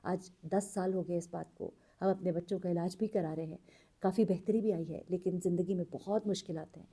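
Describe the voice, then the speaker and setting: A woman narrating a true story in an earnest, unhurried way, pausing with fillers as she goes. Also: on the low side, fairly even intonation, warm tone, husky. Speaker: storyteller host.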